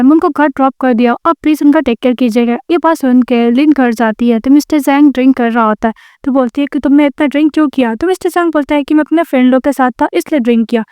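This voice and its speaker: A woman retelling a drama's plot in a fast, steady storytelling voice, mixing in many English words. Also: high-pitched, no echo, studio quality. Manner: rapid, even storytelling with many English loanwords. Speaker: drama recap narrator.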